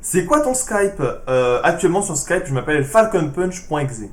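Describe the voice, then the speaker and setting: A man runs through viewer questions with dry, sarcastic answers, keeping his voice hushed. His voice sits a little high, and the room around him sounds echoey. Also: lively intonation, moderate pace. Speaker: YouTuber answering fan questions. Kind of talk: casual Q&A vlog.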